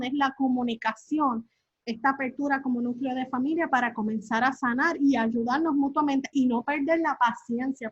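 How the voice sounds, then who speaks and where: Earnest high-voiced woman on a call. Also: no echo, muffled recording. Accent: Latin American Spanish. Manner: earnest, with many fillers and tag questions. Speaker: workshop speaker.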